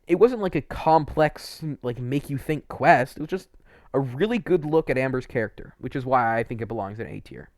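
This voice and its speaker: A young man offers casual, unscripted video game commentary, informal and enthusiastic, with a bit of mild swearing. His voice is on the high side, and the studio-quality recording has no echo.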